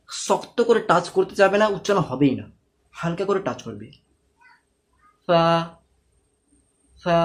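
A man's voice: high voice, fairly bright tone. Patient man drilling Arabic letter sounds. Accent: Bengali. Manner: patient, repeats sounds many times for students; addresses learners directly, asks check questions. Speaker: Quran reading teacher. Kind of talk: step-by-step pronunciation lesson.

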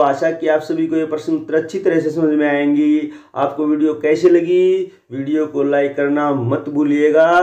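A male teacher explaining a school lesson to children, repeating phrases slowly and dictating answers for them to write down. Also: on the high side, warm tone. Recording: roomy, dull lo-fi recording.

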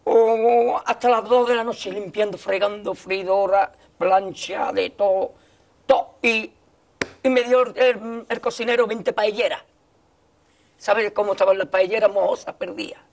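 Middle-aged guy spinning a story on a tv set, high-pitched gravelly voice, playing all the parts. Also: a little slow. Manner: lively storyteller acting out quoted dialogue. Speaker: talk show guest. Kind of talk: anecdote told in a TV interview. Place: TV studio set with a desk. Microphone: desk microphone.

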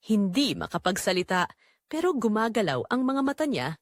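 A woman with a Filipino accent narrates a scripted first-person drama, playing an earnest young caregiver who confesses her inner turmoil. Her medium-pitched voice swings widely in pitch at a moderate pace, and the clean studio recording has no room sound.

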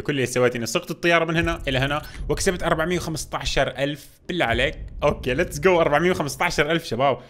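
A young man giving excitable gameplay commentary, talking straight to his viewers. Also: mid-range voice, a little hiss or hum. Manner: fast, excitable, talks to viewers as "guys". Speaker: gaming YouTuber.

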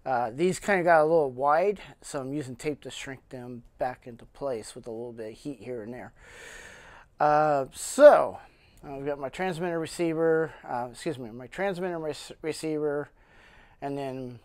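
A man hosting his own channel, casually showing his equipment cases off camera, with lots of fillers and frequent throat clearing. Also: medium pitch, normal speed, a little mellow, no echo. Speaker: channel host reviewing gear cases. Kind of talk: casual product show-and-tell. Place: indoor room with cloth backdrop, speaking off camera.

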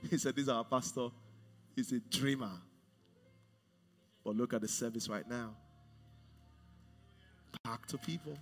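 A man in his forties preaching a sermon on a large church stage, swinging from hushed to loud. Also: medium pitch, slow pace, pauses often, in a large hall, faint music behind. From Nigeria. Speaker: pastor.

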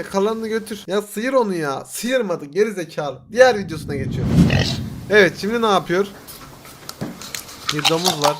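Young guy reacting to clips, pretty high voice, teasing, noisy recording. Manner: teasing, mocking, exclaiming. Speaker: reaction video host. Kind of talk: casual commentary on videos.

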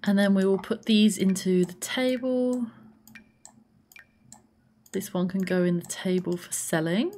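A woman's voice: medium pitch, measured pace, pauses often, mellow, a little hiss or hum. A woman streaming a life-simulation game, chatting casually and gushing thanks to her viewers. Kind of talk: casual gameplay live stream chat.

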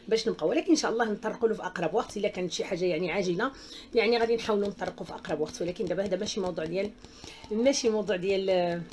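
A woman's voice: medium pitch, darkish tone, slight background noise. A woman with a Moroccan accent hosting a live stream, reading viewer comments and speaking out in an emphatic, outspoken way. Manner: outspoken and emphatic, with repeated exclamations.

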